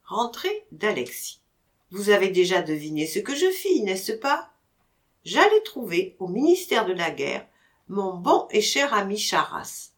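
Expressive woman narrating a classic novel. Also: medium pitch, unhurried. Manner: expressive, animated reading. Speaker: audiobook narrator. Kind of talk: scripted literary narration.

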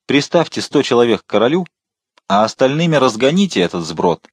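A man's voice: mid-range voice, big pitch swings, brisk, slightly rough, no echo. A man reading the lines of a proud, imperious middle-aged queen in an audiobook. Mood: commanding. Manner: imperious, commanding.

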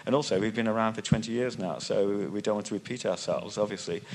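Man, panelist, low flat voice, halting and self-correcting. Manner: hesitant, many restarts and fillers, loses thread. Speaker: panelist, music magazine writer. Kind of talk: unscripted panel discussion. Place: conference hall panel.

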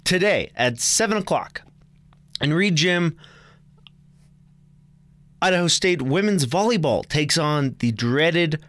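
A man's voice: fairly high pitch, expressive, slow, long pauses, fairly bright tone, no echo. A young man co-hosting a casual college sports preview, chatty and joking, often stumbling and correcting himself. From United States. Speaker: sports show co-host.

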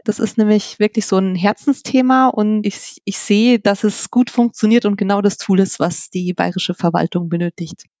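A woman's voice: mid-range voice, normal speed, warm tone, dry recording. A woman in her thirties, a podcast guest speaking in an enthusiastic, personal way about her project. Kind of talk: casual interview talk.

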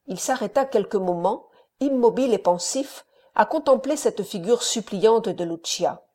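A woman audiobook reader in measured, even storytelling narration. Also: mid-range voice. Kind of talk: scripted narration.

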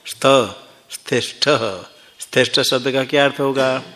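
A man's voice: medium pitch, flat delivery, measured pace, fairly bright tone. A man teaching a classroom Sanskrit grammar lesson, explaining each form step by step and quizzing his students as he goes. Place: ashram classroom.

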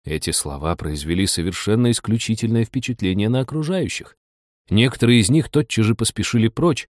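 A man reading a children's storybook aloud in an expressive, animated way. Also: fairly low pitch, a little fast, no room sound, clean studio sound. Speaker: audiobook reader. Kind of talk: storybook narration.

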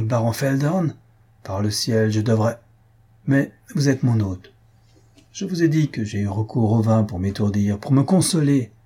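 Guy reading a fired-up young noble, pleading hard, super husky and dark. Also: medium pitch. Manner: pleading, vehement. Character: impassioned young male nobleman in love.

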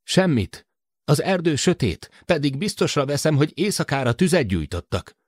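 A man's voice: a little high, big pitch swings, no echo, studio quality, pitched above the performer's own voice. A man voicing a cocky male helicopter pilot who talks back over the radio. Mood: confident.

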